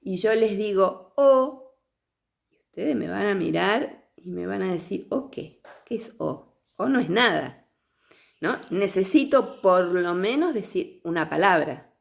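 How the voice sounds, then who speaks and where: A woman's voice: medium pitch, lively intonation, a little slow, creaky. A middle-aged woman teacher, lecturing patiently on early literacy and often checking in with her listeners.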